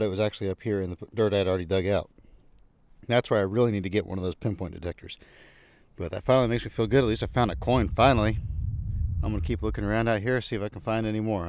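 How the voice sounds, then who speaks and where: Fast-talking man with a low voice, vlogging. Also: darkish tone, no echo. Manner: folksy, thinking aloud, musing. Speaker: vlogger narrating a treasure hunt. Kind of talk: casual outdoor vlog narration. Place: outdoors in an old junkyard.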